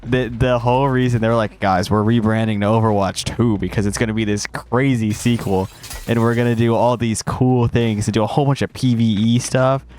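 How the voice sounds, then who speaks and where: Commenting on his gameplay, a young male streamer talks in a mid-range, steady, brisk and slightly mellow voice over slight background noise. Still congested as he recovers from a cold, he rambles, cuts himself off, and uses slang.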